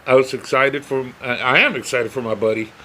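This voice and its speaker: A man's voice: medium pitch, fairly even intonation, brisk, pushed and bright, slight background noise. A middle-aged man co-hosting a podcast in casual chat, rambling from topic to topic and swearing freely. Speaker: podcast co-host.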